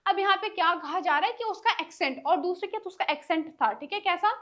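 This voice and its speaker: A woman teacher explaining an English story in a Hindi-English mix, reading English lines slowly and then chatting through their meaning, with frequent "ठीक है". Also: very high voice, fairly bright tone.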